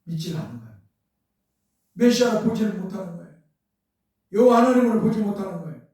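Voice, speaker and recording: High-pitched preaching pastor in a booming church. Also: male voice, very animated, quick pace, warm tone. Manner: preaching with rising emphatic outbursts and rhetorical questions. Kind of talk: sermon. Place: church sanctuary. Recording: very echoey church hall, mic from far off.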